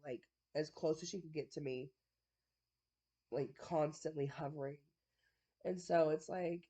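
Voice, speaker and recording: A woman vlogger chats casually to the camera at home in a deep, warm voice, though her nose is congested and stuffy. She rambles with plenty of fillers and frequent little laughs.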